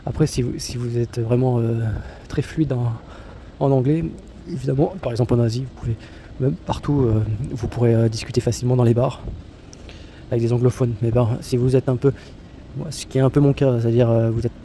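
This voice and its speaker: A travel vlogger rambles casually about solo travel in a spoken monologue, full of fillers, restarts and blunt slang. He has a mid-range, dark-toned voice with fairly even intonation and a fairly quick pace, and there's slight background noise.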